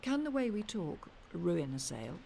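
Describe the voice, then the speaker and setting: A woman reporter giving scripted documentary narration in a husky, creaky voice. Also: fairly low pitch, sing-song, normal speed, warm tone, a little hiss or hum.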